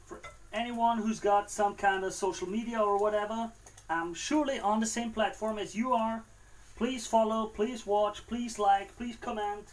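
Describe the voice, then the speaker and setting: Speaking at a moderate pace in a steady, high-sitting voice, this Austrian-accented man rambles through a cooking livestream, repeating words and talking to himself. The audio quality is poor.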